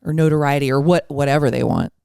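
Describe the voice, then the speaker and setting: Low-voiced woman in her fifties. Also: fast, creaky, dark tone, clean tone, no room sound, studio quality. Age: 50s. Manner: joking, self-mocking, laughs often. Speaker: podcast co-host. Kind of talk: casual chat.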